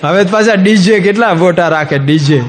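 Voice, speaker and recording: A man's voice: sits high, moderate pace, slight background noise. A man, a monk, giving a humorous sermon, acting out dialogue as he tells stories. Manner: folksy, jokey storytelling with acted-out dialogue. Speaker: monk giving a religious discourse.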